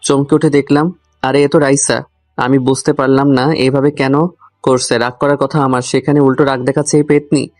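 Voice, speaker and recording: This man's mid-range, slightly mellow voice delivers a comic first-person love story in a flat way at a moderate pace. He grumbles and talks right to the listener while background music runs under his words.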